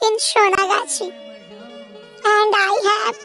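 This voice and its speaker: A woman voicing a madam giving her work history in a cartoon comedy, in slow, mock-formal English. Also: extremely high pitch, level tone, creaky, sharp tone, faint music behind, pitched above the performer's own voice, full character voice. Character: brothel madam reciting her résumé.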